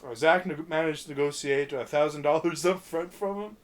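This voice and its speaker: Guy rambling thru a movie recap on a podcast, kinda high voice, lots of uhs. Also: a little fast. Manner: rambling, many fillers and restarts, reads from notes. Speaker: podcast host.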